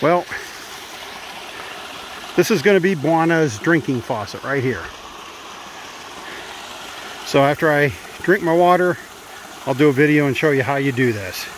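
Hiking a forest trail, a man vlogs casually into a handheld phone, chatting and narrating as he walks and occasionally running out of breath. His voice is on the high side and animated, with a measured pace and frequent pauses. The rough recording picks up faint wind and stream noise.

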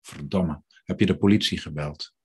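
A man's voice: rumbling low, moderate pace, a little mellow, slightly rough, full character voice. A man reading the part of a tense man who answers curtly and urgently.

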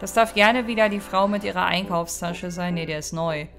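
Chatty woman with a low voice, gaming. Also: normal speed, fairly bright tone, faint music behind. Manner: chatty, reacts with mock exasperation. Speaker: let's play host. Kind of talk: casual gameplay commentary.

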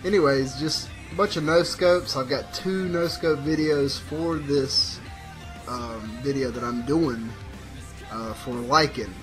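A man's voice: mid-range voice, slow pace, music in the background. A man in his thirties, slightly under the weather, chatting casually and repetitively as a gaming YouTuber in his bedroom. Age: 30s. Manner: laid-back, chatty, repeats himself. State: slightly sick. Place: bedroom gaming setup, indoors. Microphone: desktop USB mic.

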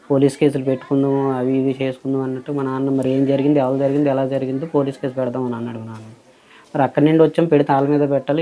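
A man's voice: mid-range voice, narrow, tinny audio. A man being interviewed as a father, recounting at length in a rambling way. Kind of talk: casual interview.

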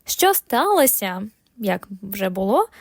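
A woman teaching English phrases, saying each one slowly and clearly, then repeating it with expressive intonation. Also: medium pitch, noisy background. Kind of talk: slow phrase drills with Ukrainian translations.

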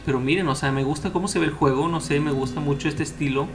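A young man giving casual, excitable let's-play commentary as he plays, cheering on the characters. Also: on the high side, fast. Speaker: gameplay commentator.

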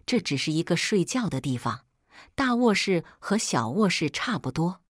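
A woman's voice: on the low side, sing-song, normal speed, no room sound, clean studio sound. A woman reading a story, voicing a domineering, unreasonable mother-in-law in her fifties. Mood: angry, scolding. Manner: scolding, unreasonable.

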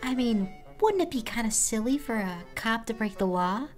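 A man's voice: very high voice, expressive, normal speed, faint music behind, pitched above the performer's own voice. A man using a voice changer to sound like a sweet, hesitant young woman, stammering through a prank call. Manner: hesitant, with many ums and stammers. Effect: voice changer making him sound like a young woman. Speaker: online creator baiting a scammer.

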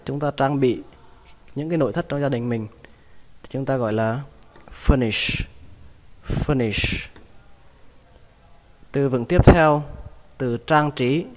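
A man teaching English vocabulary, repeating each word slowly and patiently. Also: medium pitch, a little mellow, long reverb tail. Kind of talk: vocabulary lesson.

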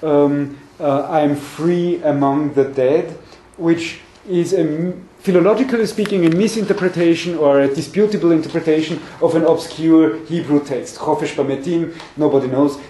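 Echoey acoustics and a distant mic capture an academic lecturer in an indoor meeting room with a conference table. The man, in his forties, speaks in a warm voice on the high side, delivering a scholarly seminar lecture with hesitation and frequent repeated words as he searches for phrasing.

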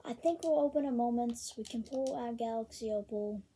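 A woman casually talking through a video game, with many ums and excited bursts over card pulls. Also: fairly high pitch, normal speed, slight background noise. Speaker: gaming channel host. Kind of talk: casual gameplay commentary.

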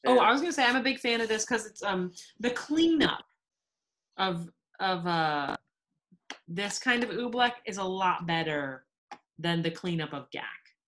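A woman's voice: mid-range voice, lively intonation, measured pace, a bit bright, a little hiss or hum. A woman host on a video call, reading a children's story expressively, then chatting about a simple kids' science activity.

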